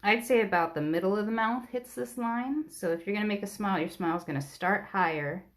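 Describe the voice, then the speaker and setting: A woman's voice: mid-range voice, fairly quick. A woman art teacher giving a patient, step-by-step drawing lesson on a live stream.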